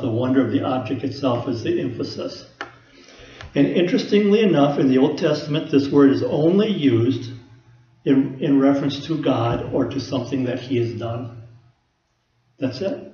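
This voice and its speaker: A man delivering a sermon in a relaxed, conversational teaching manner, explaining scripture through everyday examples. His mid-pitched voice carries through a roomy space with some echo. The sound is slightly dull and muffled. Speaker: pastor.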